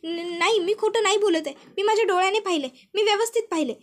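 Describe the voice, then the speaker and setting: A woman's voice: very high-pitched, quick pace. A woman voicing a frightened middle-aged woman who stammers and pleads insistently. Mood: pleading accusing.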